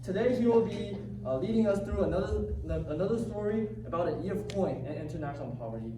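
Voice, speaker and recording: A young man introduces a guest speaker at a school event, earnest and a little hesitant. His voice is picked up from a distance in an echoey hall with steady background noise. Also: sits high, quick pace.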